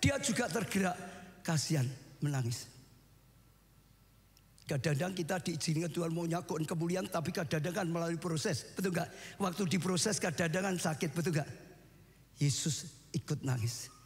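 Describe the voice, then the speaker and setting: A man preaching a sermon as pastor, with sweeping pitch swings and shouted peaks. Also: moderate pace, pauses often, big-room sound.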